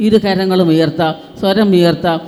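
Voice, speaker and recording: A man's voice: sits high, moderate pace. Give me a male prayer leader calling out fervent exhortations in a big reverberant hall. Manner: fervent, building from calm to shouted exhortation. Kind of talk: leading charismatic group prayer. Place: large retreat-centre prayer hall. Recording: reverberant hall with faint music.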